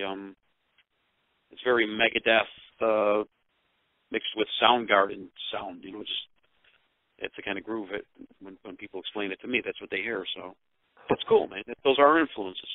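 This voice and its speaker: Low, halting American man over the phone. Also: steady tone, no echo. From Utica, New York, United States. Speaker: rock band musician and songwriter being interviewed. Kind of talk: casual interview answers over the phone. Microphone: telephone. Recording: dull, narrow-band phone line.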